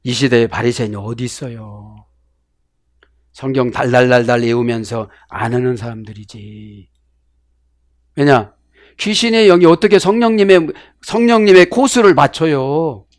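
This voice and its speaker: A middle-aged male pastor preaching a sermon with Bible word study. He swings between loud exclamations and hushed asides. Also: mid-range voice, lively intonation, moderate pace, no echo, clean studio sound.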